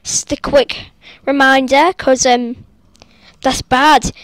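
A woman casually narrating her gameplay from bed, rambling, breaking into squeals and quick apologies. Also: high-pitched, steady tone, no room sound. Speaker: gaming vlogger. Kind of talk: casual game commentary. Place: sitting up in bed at home. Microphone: laptop recording.

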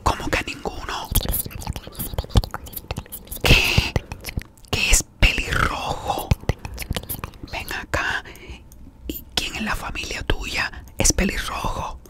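In an ASMR roleplay, a woman whispers as a beautician, gossiping while treating a client. She chats in gossipy whispers with both the client and an unseen caller.

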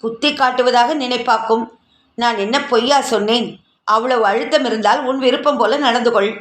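A woman's voice: on the high side, a little fast, a bit bright, natural voice. Woman reading as a stubborn lecturing husband. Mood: scornful. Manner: lecturing, matter-of-fact. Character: stubborn blunt young husband. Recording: roomy echo.

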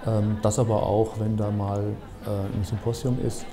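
A man in his fifties, an architect, explaining his building in a measured, thoughtful interview with frequent hesitations. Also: lowish voice, little pitch movement, music in the background. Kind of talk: documentary interview. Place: bright office, seated at a desk.

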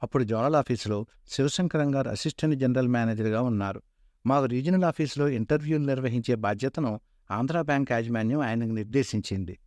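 A man in his sixties tells his own life story in a steady, earnest voice. His pitch sits in an ordinary middle range. The sound is close and dry, with no room around it. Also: fast talker, no room sound. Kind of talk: autobiographical narration.

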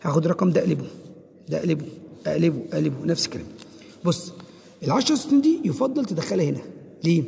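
A man's voice: a little high, expressive, racing, creaky, long pauses, darkish tone. A man with an Egyptian accent teaching an exam-prep lesson, asking himself questions and answering them, and repeating key points to drill them in. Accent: Egyptian Arabic. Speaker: physics teacher. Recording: echoey room with long reverb.

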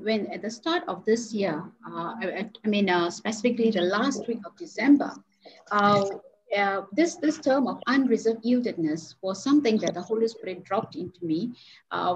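A woman leads a devotional session over an online call, stopping often to restart her sentences and fill pauses. The sound is a little dull and muffled, and a faint hiss runs underneath. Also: mid-range voice, expressive. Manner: hesitant, with frequent fillers and restarts. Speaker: Bible study speaker. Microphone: video call.

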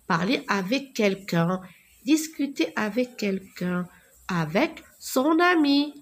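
A woman teaching young children to read, slowly repeating words and sounding out letters. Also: mid-range voice, big pitch swings. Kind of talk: reading lesson for young children.

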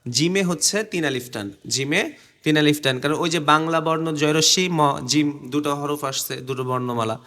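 A man's voice: a little high, bright, forceful tone. A man teaching Arabic letter pronunciation, drilling syllables over and over and explaining step by step where the tongue and lips go. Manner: drills syllables slowly, repeating them many times; explains step by step, asks the viewer to watch his tongue. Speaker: Quran recitation teacher. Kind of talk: pronunciation lesson.

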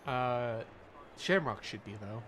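A man narrating a tabletop game casually as game master, describing scenes in halting pieces. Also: mid-range voice, expressive, crowd noise.

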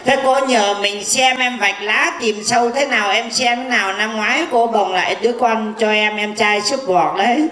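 A woman's voice: fairly high pitch, moderate pace, hardly any pauses, a bit bright, natural voice. Stage comedy: a woman doing a bragging blind fortune-teller man, mocking tongue, echoey hall. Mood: grumbling. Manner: chatty, mocking, full of teasing insults. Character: boastful blind male fortune teller, cheeky.

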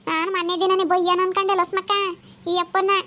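A woman's voice: extremely high pitch, little pitch movement, a bit bright. A woman playing a scolding village woman, haggling over vegetable prices. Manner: nagging, rapid-fire scolding. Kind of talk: comedy sketch acting.

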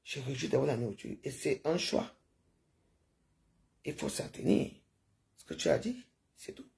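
A woman's voice: sits low, animated, normal speed, vocal fry, a little mellow. An older woman chatting to her viewers in a rambling, digressive livestream monologue, sprinkling in sound-effect noises.

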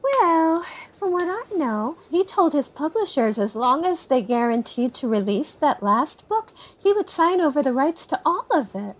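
In a conversational audio drama interview, an actress plays the author's niece, a candid, motherly woman who chats naturally. Her high, sing-song voice moves at a measured pace with hardly any pauses. The mood is candid and reflective.

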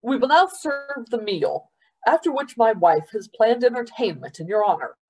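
A woman's voice: a little high, expressive, moderate pace, voice pushed up, low-quality recording. A woman voicing a nervous middle-aged male prison warden giving a formal, hesitant welcome speech in a storybook reading.

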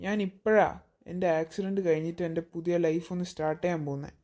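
A woman voicing a teenage boy in a cartoon, speaking calmly and reassuringly, with soft teasing. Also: on the low side, fast talker, natural voice. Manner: calm, reassuring, softly teasing. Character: calm teenage boy returned after an accident. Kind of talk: cartoon voice acting.

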